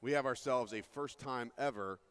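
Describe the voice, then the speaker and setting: A man giving excited live play-by-play commentary on wrestling, often exasperated and argumentative. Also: mid-range voice, normal speed, clear, resonant tone. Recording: loud music behind the voice.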